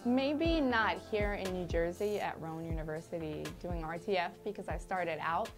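A woman's voice: fairly low pitch, normal speed. A young woman from Liberia answering interview questions, chatty and laughing often, with frequent fillers. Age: young adult. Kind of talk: casual interview. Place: indoor studio set with curtains. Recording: studio interview with music underneath. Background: background music.

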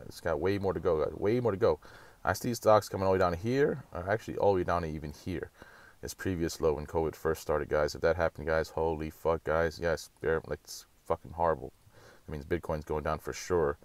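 A man giving a casual, profane rant on market charts and mocking others. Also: no room sound. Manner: profane, rapid, ranting, mocks others in high voices. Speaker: crypto market commentator.

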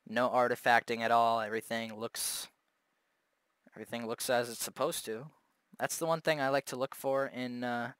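A man's voice: mid-range voice, a bit bright, dry recording. A young man casually talking through graphics card overclocking at home, laid-back and chatty with lots of fillers and the odd swear. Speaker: tech video host. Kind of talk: casual unscripted tech commentary. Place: home gaming setup with loud fans.

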